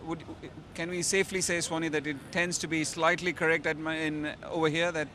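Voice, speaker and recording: A man's voice: fairly high pitch, little pitch movement, fairly quick, sharp tone, slight background noise. A man giving cricket views on a panel outdoors, hesitating and restarting his sentences. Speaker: cricket pundit.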